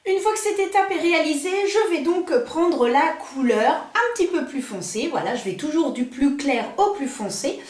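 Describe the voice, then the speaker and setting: A woman's voice: high-pitched, very animated, normal speed, few pauses, a little mellow, reverberant. A middle-aged woman chatting through a makeup tutorial in a beauty salon, gushing and full of fillers. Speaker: beauty vlogger. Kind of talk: casual makeup tutorial chat.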